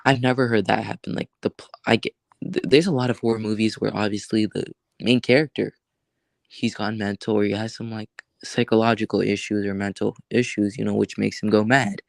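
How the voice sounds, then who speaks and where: A man hosting a casual livestream chat, rambling and halting with many fillers and restarts. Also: fairly low pitch, level tone, gravelly, no echo. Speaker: livestream host.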